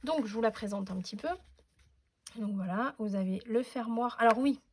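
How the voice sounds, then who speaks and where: Hosting a crafting tutorial at a moderate pace, a woman speaks in a fairly high voice. She chats casually as she demonstrates, with plenty of fillers and restarts.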